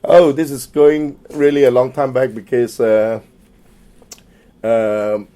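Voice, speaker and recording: Speaking slowly and smoothly, a middle-aged Malaysian man gives an oral history interview in a mid-range voice with little pitch movement. He often hesitates, restarts, and leans on fillers, with phrase endings drifting quieter.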